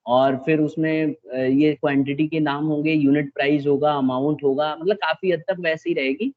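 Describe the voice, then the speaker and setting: A man's voice: a little high, steady tone, normal speed, narrow, tinny audio. A male teacher giving a classroom lecture, explaining step by step, often checking that the students follow and mixing English terms into his speech.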